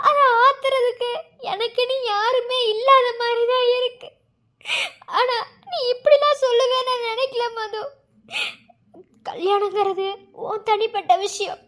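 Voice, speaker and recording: A voice actor playing a heartbroken young man who tearfully pleads with his lover in a cartoon love story. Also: fairly bright tone. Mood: pleading, tearful. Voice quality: high, sped-up cartoon voice. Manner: tearful, begging.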